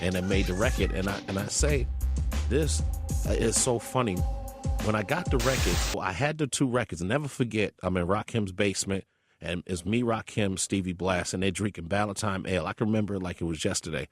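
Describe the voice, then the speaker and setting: A man telling a story in an interview, animated and emphatic, acting out the people he quotes. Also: low-pitched, fairly quick, husky, soft background music.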